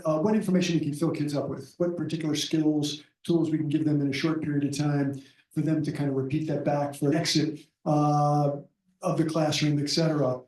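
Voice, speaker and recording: A man's voice: fairly high pitch, darkish tone. A man in the audience making a thoughtful, long-winded comment to the speakers. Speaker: audience member asking a question. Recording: echoey, distant audio.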